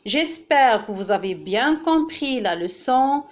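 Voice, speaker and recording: Slow, clear-speaking woman teacher. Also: on the high side, expressive. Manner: slow, clearly articulated, pointing things out. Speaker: primary school teacher. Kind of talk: recorded phonics lesson for children.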